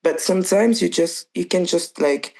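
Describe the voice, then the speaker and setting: A woman's voice: on the low side, normal speed, gravelly, a little mellow. A young woman from Belgium, a dancer and choreographer, chatting loosely as an interview guest, with frequent restarts and fillers. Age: young adult. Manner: loose and searching, full of restarts and "like". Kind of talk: casual interview chat.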